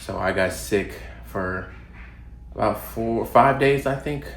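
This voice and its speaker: Slow and easygoing, a deep-voiced fitness vlogger with a stuffy nose from a cold gives casual advice to camera, loose with fillers and restarts. The roomy home recording carries faint ambience and slight background noise.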